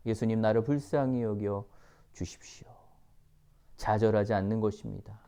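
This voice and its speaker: A man preaching a sermon, reading scripture and explaining it in slow, emphatic, repeated phrases, sometimes dropping to a whisper. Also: mid-range voice, gravelly, dark tone. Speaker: missionary preacher.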